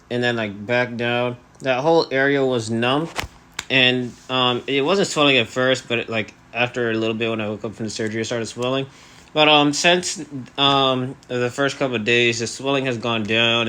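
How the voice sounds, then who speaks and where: Male, 18, medium pitch. Earnest, hesitant personal vlogger, articulation a little restricted at the jaw. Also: fairly bright tone, clear, resonant tone. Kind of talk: personal vlog monologue to camera.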